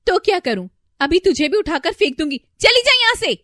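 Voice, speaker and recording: A woman's voice: very high voice, expressive, normal speed, dry recording, studio quality, pitched above the performer's own voice. Woman voicing a bold young daughter-in-law. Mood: defiant scolding. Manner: loud, scolding and commanding.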